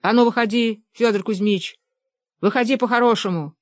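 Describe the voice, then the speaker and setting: Reader playing gruff hoarse father-in-law, audiobook, barked orders, dry close mic. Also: medium pitch, moderate pace, no room sound, voice pushed up, close to an everyday voice. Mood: bossy. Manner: hoarse, bossy shouting. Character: gruff older father-in-law, bossy hunter. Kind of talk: audiobook narration.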